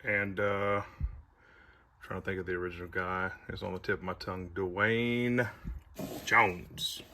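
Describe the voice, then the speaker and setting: A man's voice: low-pitched, fairly even intonation, measured pace, bright, forceful tone. A man giving a casual, rambling tour of his movie collection, with audible heavy breathing. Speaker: video collector showing his shelves.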